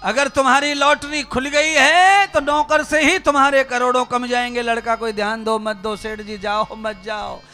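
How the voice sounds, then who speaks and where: A man's voice: very high voice, steady tone, normal speed, hardly any pauses, bright, forceful tone, faint music behind. A man preaching a sermon, exhorting his listeners with rhythmic repeated phrases. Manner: exhorting, direct address to listeners, rhythmic repetition. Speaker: spiritual preacher.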